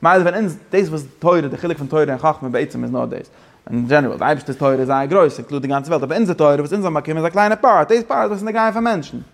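A man's voice: on the high side, quick pace. A man teaching a Torah class, switching between English phrases and his main language, with frequent restarts.

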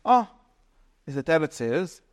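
A man with a fairly high-pitched voice gives an informal philosophy lesson. He talks haltingly, restarting phrases as he searches for words, and slips English terms into his speech. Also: very animated. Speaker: teacher.

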